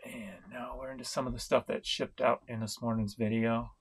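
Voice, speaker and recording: A middle-aged man from St. Louis, Missouri, giving a casual vlog update on his online reselling, talking in a slow, rambling way with many fillers and restarts. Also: mid-range voice, steady tone, slightly rough. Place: home room, indoors.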